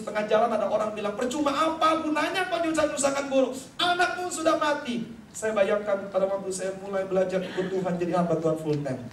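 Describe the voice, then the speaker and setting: A middle-aged male pastor preaching a sermon, telling a personal story with animated acted-out voices and addressing the congregation directly. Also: fairly high pitch. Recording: echoey hall from a distance, faint noise.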